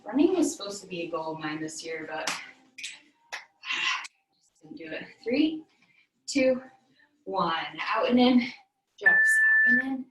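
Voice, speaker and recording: A woman fitness instructor leading a virtual workout, counting down reps and cueing form while she exercises in a small room. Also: medium pitch. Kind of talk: coaching a virtual workout class. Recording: roomy echo, mic at a distance, faint noise.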